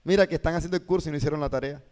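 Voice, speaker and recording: Lively pastor teaching in a reverberant hall. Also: male voice, fairly high pitch, racing. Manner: animated, asks "¿sí o no?" of listeners. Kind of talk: classroom lecture with preaching demonstrations.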